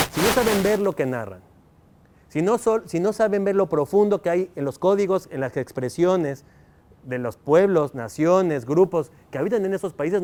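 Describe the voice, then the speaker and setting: Speaking high with a darkish tone, this man teaches university students in a Mexican Spanish accent. He keeps them engaged by throwing rhetorical question after rhetorical question.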